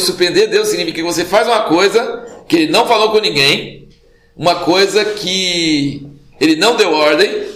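A man giving an informal Bible teaching in a conversational, animated way, often checking in with the listener. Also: sits high. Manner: conversational, animated, tag questions like "né?" and "entendeu?". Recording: roomy echo.

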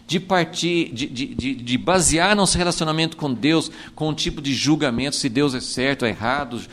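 A man with a Brazilian accent teaching from the Bible in a conversational way, animated, acting out quotes and often adding "né". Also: medium pitch, normal speed. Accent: Brazilian Portuguese. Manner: animated, acts out quotes, frequent "né" fillers.

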